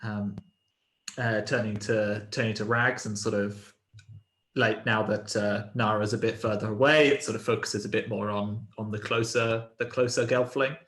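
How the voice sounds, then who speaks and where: A man narrating a tabletop role-playing game as game master, slowly describing a creature with many pauses and fillers. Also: lowish voice, fairly even intonation, a bit bright, echoey room. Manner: hesitant, many fillers and "sort of".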